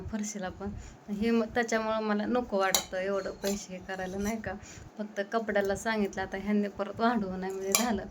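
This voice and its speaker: Tired, breathless young woman. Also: slight background noise. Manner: tired, breathless, low-key storytelling. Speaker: vlogger. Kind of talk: casual home vlog chat. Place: home kitchen.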